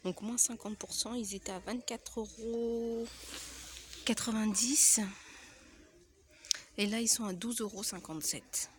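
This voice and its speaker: A soft-spoken woman with a slight cold, walking through a store and listing decor items and prices for her vlog, often dropping almost to a whisper. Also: a little high, unhurried, long pauses, a little hiss or hum. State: has a cold. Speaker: home decor vlogger. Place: inside a large home goods store.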